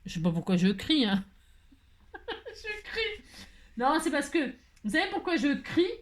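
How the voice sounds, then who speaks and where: A middle-aged woman hosting a chatty crafting tutorial, talking loudly and joking with her viewers as she works. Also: high-pitched, big pitch swings, brisk, a little hiss or hum. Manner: loud, playful, talks to viewers, jokes.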